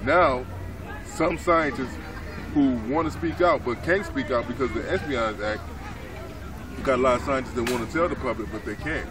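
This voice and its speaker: A man in his forties talks through his ideas in an earnest, explaining way, a minister answering questions outdoors in a park. The camera sits a few feet off, so his voice comes from a distance. A clear murmur of people carries behind him. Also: medium pitch, moderate pace. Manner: earnest, explanatory, repeats "so therefore". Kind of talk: street interview. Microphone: camera mic at a few feet. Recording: distant outdoor mic, crowd noise behind.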